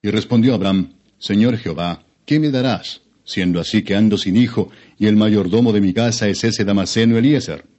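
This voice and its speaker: A man narrates a scripture audiobook with a fairly low, soft-edged voice. His delivery is solemn, formal and measured. The recording is somewhat dull and lo-fi.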